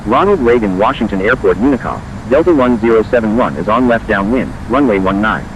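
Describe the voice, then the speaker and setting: A man's voice: fairly low pitch, lively intonation, brisk, heavy background noise, voice pushed down. A man playing an airline pilot making formal radio calls over a cockpit headset, clipped and procedural. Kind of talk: formal aviation radio phraseology.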